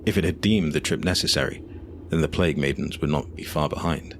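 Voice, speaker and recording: A deep bass-voiced male narrator reads a fantasy audio drama from a script, keeping his delivery grave and carefully paced, while faint ambient noise lingers behind him.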